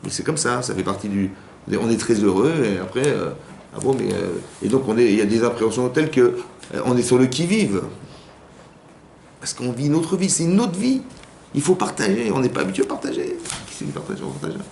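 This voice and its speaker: A rabbi gives an informal class to women in a community hall, speaking conversationally with many repetitions and restarts and acting out quoted spouses. His mid-range voice is sing-song, brisk, gravelly, and a little mellow. The room is echoey, with a faint hum.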